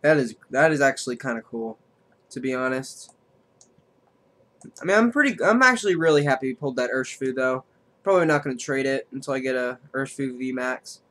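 A man streaming a card game, thinking aloud about his moves and counting damage out loud as he plays. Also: medium pitch, brisk. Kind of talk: live gameplay commentary.

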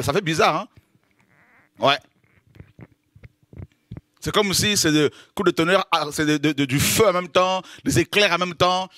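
A man preaching a lively sermon, exclaiming, making dramatic sound effects and laughing between points. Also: on the high side, dry recording, clean studio sound. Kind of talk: animated sermon.

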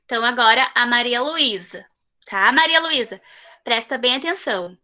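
A woman's voice: a little high, lively intonation, normal speed, pushed and bright, muffled recording. A woman teaching a class of young children over a video call, affectionate and coaxing, stretching out syllables. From southern Brazil. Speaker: primary school teacher.

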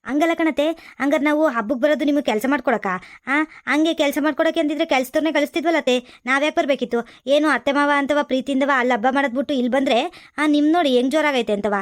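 A woman's voice: high-pitched, fast talker, no room sound, studio quality, lightly acted. A woman playing a spoiled young daughter-in-law from the city who complains and talks back, in a comedy skit. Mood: complaining.

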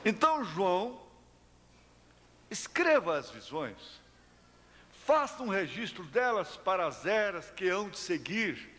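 An older Brazilian man preaching a sermon in a church hall, slow and deliberate, rising to impassioned exclamations. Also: high-pitched, a bit bright. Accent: Brazilian Portuguese. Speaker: pastor. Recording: reverberant church hall recording with faint noise.

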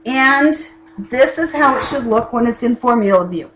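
A woman's voice: fairly high pitch, lively intonation, normal speed, fairly bright tone, slight background noise, rough recording. A middle-aged woman teaching a college class by video from her desk, chatty and plain-spoken, with asides. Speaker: college instructor. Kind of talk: recorded class lesson. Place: home desk with keyboard and lamp. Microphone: camera over the desk.

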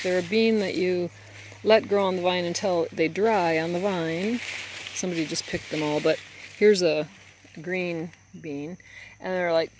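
A woman walking through her garden, recording on a phone and pointing out the plants in an unhurried way. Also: lowish voice, a little hiss or hum. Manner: unhurried, pointing things out as she walks. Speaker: gardener giving a tour. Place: outdoor garden. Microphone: handheld phone, speaker behind camera. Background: crickets and outdoor ambience.

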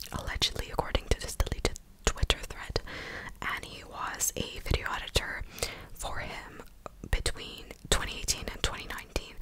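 A young adult woman, an ASMR creator, whispers a recap very close to a large desktop condenser mic in a small room at home. Her unvoiced whisper is breathy and full of clicky mouth sounds, hushed yet conversational, and the recording is rough.

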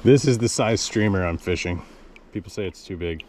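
A deep-voiced American man in his thirties talks briskly over slight background noise while fly fishing on a river, filming himself with a body-worn action camera. He's excitable, exclaiming at every strike and talking to the fish in casual self-filmed commentary.

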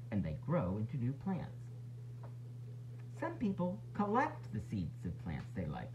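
A man reads a children's book aloud in a teacherly way, expressive, with dramatic pauses, emphasis and questions for his young listeners. His voice is a little high and mellow, captured in a dull, faintly noisy home recording.

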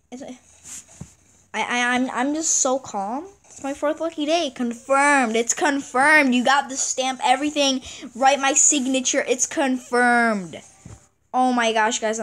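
A woman giving casual gameplay commentary, excitable and chatty, repeating exclamations and stumbling over words. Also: sits high. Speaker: gaming channel host.

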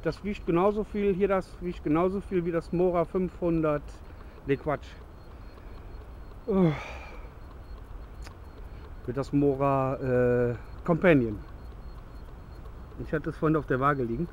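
In the woods at dusk, a bushcraft vlogger in his thirties cheerfully rambles through a gear demo, correcting himself as he goes, a little slow with long pauses. His somewhat high voice is close to a handheld camera, with faint outdoor noise and lo-fi sound.

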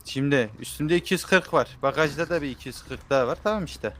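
Man, role-play game player, patient explainer, slightly high voice. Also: fast, fairly bright tone.

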